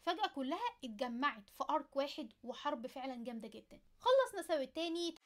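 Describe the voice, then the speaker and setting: Excited anime fan host, woman, Egyptian accent; high voice, very rapid chatty delivery. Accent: Egyptian Arabic. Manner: chatty, playful, addresses viewer directly. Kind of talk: casual anime commentary to camera.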